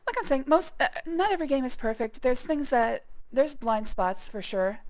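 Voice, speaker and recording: Chatty woman streamer, slightly high voice. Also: lively intonation, moderate pace. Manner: chatty, joking asides and playful apologies. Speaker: game streamer. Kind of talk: casual let's-play commentary.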